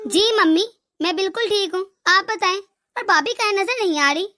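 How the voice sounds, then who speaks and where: A woman voicing a caring young sister-in-law in an animated moral story, calm and reassuring. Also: extremely high pitch, normal speed. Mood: friendly.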